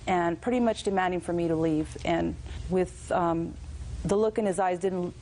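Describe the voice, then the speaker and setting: Woman testifying in tv court, lowish voice, kinda vague, bit of room noise. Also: normal speed, warm tone. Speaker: plaintiff in TV court. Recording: slightly noisy courtroom audio.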